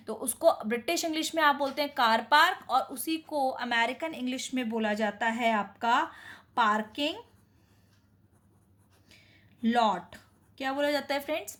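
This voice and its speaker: A woman teaching English vocabulary in Hindi, quizzing viewers and repeating each answer more softly. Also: sits high. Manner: mixes Hindi and English words.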